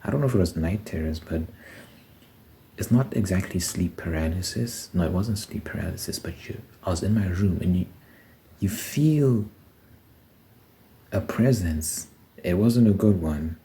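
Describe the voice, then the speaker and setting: A man's voice: low-pitched, lively intonation, measured pace, long pauses, mellow. A man giving a casual, reflective personal monologue, thinking aloud in short phrases as a vlogger. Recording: noticeable background noise.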